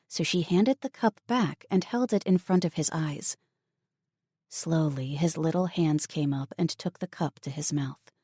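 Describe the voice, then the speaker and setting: Woman, audiobook narrator, measured storytelling, deep voice, warm tone. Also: husky, no room sound, studio quality. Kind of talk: scripted narration.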